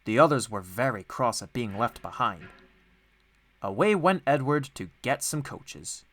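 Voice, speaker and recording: A man narrates a children's storybook. His medium-pitched voice moves with lively, expressive intonation, in the manner of an audiobook reader. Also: measured pace.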